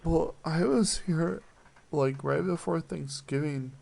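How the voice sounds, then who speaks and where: Rambling flustered prank caller, gravelly. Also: male voice, on the high side, slow, darkish tone. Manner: rambling, flustered, apologetic, mumbling. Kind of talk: prank phone call.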